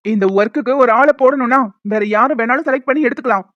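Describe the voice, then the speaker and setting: A woman voicing a hot-tempered young man in a cartoon, scolding and quick. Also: high voice, a bit bright, no echo. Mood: angry. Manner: scolding, fast. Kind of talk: cartoon dialogue. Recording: dull lo-fi dry sound.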